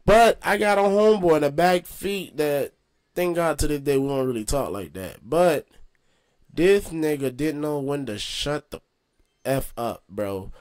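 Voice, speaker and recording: A young man casually telling a story, slangy and animated, with lots of swearing. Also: a little high, measured pace. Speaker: host.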